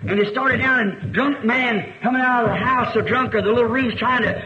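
High bright-voiced American preacher, old recording. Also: male voice, moderate pace. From United States. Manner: earnest, rises to fervent exclamations. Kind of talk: storytelling sermon. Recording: dull archive recording with faint hiss.

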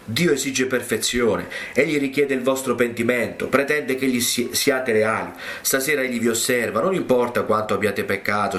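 A man preaching a sermon, telling a testimony in an earnest, measured way. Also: lowish voice, fairly bright tone. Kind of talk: sermon storytelling.

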